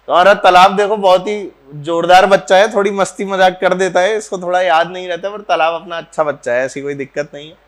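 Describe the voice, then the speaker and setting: A physics teacher talking warmly and jokingly to his students at the end of a course in a classroom, mixing in English phrases. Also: sits high, fairly even intonation, brisk, few pauses. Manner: chatty and teasing, mixing Hindi with English phrases. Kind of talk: farewell talk to a class.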